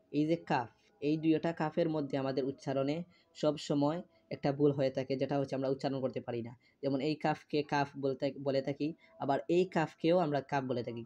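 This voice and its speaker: A man teaching Arabic letters in a slow, patient step-by-step lesson, repeating each letter with small fillers. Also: on the high side, dark tone. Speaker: Quran reading teacher. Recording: dull lo-fi recording.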